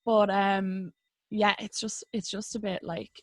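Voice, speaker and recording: A woman's voice: mid-range voice, level tone, a little slow, no echo. A young woman in her twenties co-hosting a podcast, talking casually and emphatically with lots of "like". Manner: chatty, emphatic, fond of "like". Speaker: podcast co-host. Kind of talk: casual chat.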